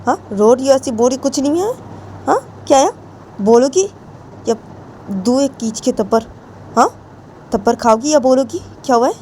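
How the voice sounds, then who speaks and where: A woman's voice: sits high, animated, moderate pace, pauses often, warm tone, slight background noise, pitched above the performer's own voice. A woman voicing a bossy young woman who presses her crying partner with rising questions. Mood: scolding.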